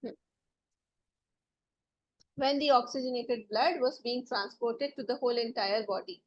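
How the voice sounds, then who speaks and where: A woman's voice: on the high side, a little slow, dull audio. A woman teacher giving a classroom lecture, explaining step by step and often checking that students follow. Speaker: biology teacher.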